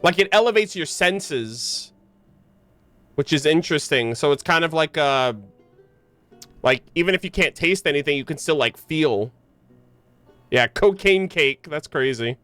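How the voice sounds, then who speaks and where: With game music in the background, a male streamer offers casual live reactions and musings, slangy and full of short interjections. His voice leans high, pushed and bright, with lively intonation at a measured pace and frequent pauses. There's no room sound.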